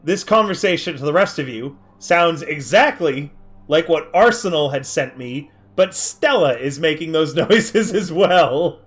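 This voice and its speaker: A man's voice: on the high side, lively intonation, measured pace. A man narrating as game master of a tabletop game, matter-of-fact and often laughing.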